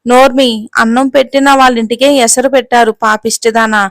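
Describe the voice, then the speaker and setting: A woman voicing a furious young man, a boss, who shouts bitterly. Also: on the high side, steady tone, fairly quick, no room sound, natural voice.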